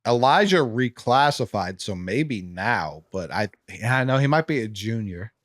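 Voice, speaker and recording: A man with a Boston accent, hosting a casual sports podcast, talking in an animated way and swearing freely. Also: fairly low pitch, unhurried, no room sound, clean studio sound. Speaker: podcast host.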